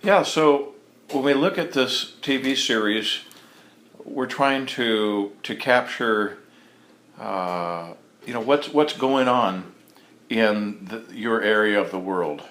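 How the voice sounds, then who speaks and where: A male interviewer asking curious, halting questions with frequent fillers. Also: fairly low pitch, fairly bright tone. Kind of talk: casual interview. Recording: echoey room with faint ambience.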